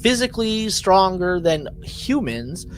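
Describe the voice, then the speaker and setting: Amid slight background noise, a high-voiced man co-hosting a podcast recaps things casually and with energy. His delivery is slow and sing-song, emphatic, with repeated lines for effect and mock quotes he acts out.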